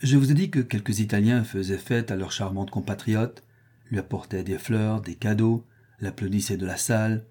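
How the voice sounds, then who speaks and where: A man reading the part of a calm, assured master detective, explaining in measured tones. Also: lowish voice, natural voice.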